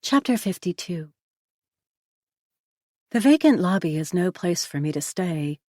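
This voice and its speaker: A woman with a low voice narrates an audiobook, reading a novel aloud in the first person with a measured, even delivery. The recording is dry and close, with no room sound around it.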